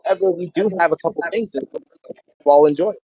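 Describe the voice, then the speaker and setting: A man's voice: high-pitched, fast talker, mellow, breathy edge, no echo. A man giving a casual introduction of himself over a call whose audio keeps cutting out. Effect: choppy call audio that keeps cutting out. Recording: muffled lo-fi online call.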